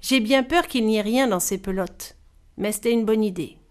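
A woman's voice: fairly high pitch, normal speed, a little mellow, lightly acted. A woman voicing the sixth of seven brothers in a storybook reading, an encouraging young man.

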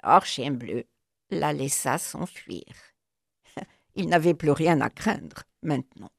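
A woman's voice: takes it slowly, creaky, dry recording, studio quality. A woman storyteller reading a children's storybook aloud, narrating expressively. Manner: expressive, with sweeping pitch.

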